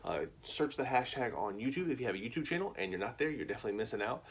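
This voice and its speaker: A man in his thirties hosts a bedtime story livestream, chatting casually before reading aloud. His voice is medium-pitched with a breathy edge, and he talks very fast. He's relaxed and rambling, with plenty of fillers.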